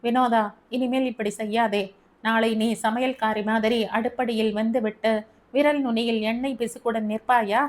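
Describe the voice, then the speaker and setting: A woman's voice: a little high, steady tone, moderate pace, close to an everyday voice. A woman reading an audiobook story, voicing an arrogant, irritable rich young husband who scolds his wife in a raised, emphatic voice. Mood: angry, scolding.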